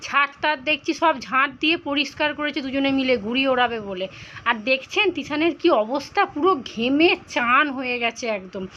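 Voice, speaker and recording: A woman, hoarse from a cold, chatting casually and tiredly through a daily vlog. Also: high voice, normal speed, sharp tone, muffled recording, a little hiss or hum. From India. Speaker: vlogger.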